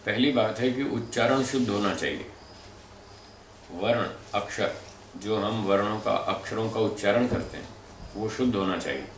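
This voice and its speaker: Male lecturer, deliberate and explanatory, a bit low; echoey room, faint background noise. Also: distant mic. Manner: measured and explanatory, demonstrating pronunciations aloud. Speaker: lecturer on speech and pronunciation. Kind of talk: spoken lecture.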